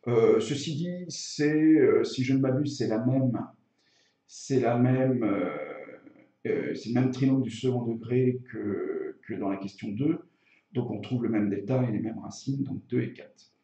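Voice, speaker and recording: Guy doing a maths tutorial, soft mellow voice, kinda hesitant and thinking out loud, roomy echo. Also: mid-range voice, unhurried. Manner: hesitant, thinking aloud, self-correcting. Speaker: maths teacher. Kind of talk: spoken maths tutorial, explaining step by step. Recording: echoey room, slightly dull sound.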